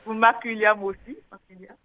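A woman's voice: fairly high pitch, little pitch movement, normal speed, dry recording, highs cut off. A woman calling in to a radio show, talking in a friendly, chatty way that is dotted with small fillers. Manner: chatty, friendly, fills with "voilà". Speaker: caller, radio volunteer. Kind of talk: phone call-in conversation.

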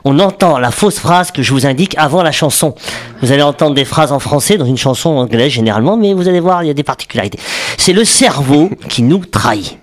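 Male radio columnist, fairly high, very lively pitch, playful, laughs at his own jokes. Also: quick pace. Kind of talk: comic radio segment. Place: radio studio.

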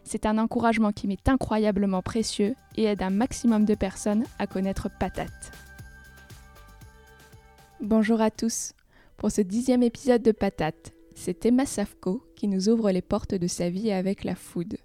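A woman hosting a food podcast, reading her intro and asking interview questions in a measured, clearly articulated way. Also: mid-range voice, mellow. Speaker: podcast host.

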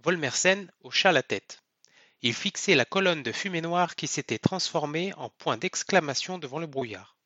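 A man narrating a novel aloud in a steady, expressive storytelling manner. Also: fairly high pitch, moderate pace, no echo, highs cut off. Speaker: audiobook narrator. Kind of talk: scripted narration.

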